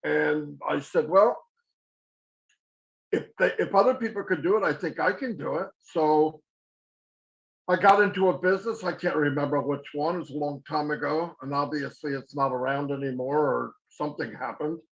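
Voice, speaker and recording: A man's voice: on the high side, fairly even intonation, normal speed, gravelly, poor audio. A man in his sixties speaking as a guest presenter on a video call, chatty and self-deprecating, often restarting his sentences. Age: 60s. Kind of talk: casual presentation.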